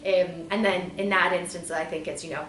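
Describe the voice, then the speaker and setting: A woman in her thirties, born in Bulgaria and brought up in Southern California, speaks as an interview guest with a fairly low, steady voice at a moderate pace. Her answers are conversational and explanatory, dotted with asides, and the distant mic picks up roomy echo and faint music.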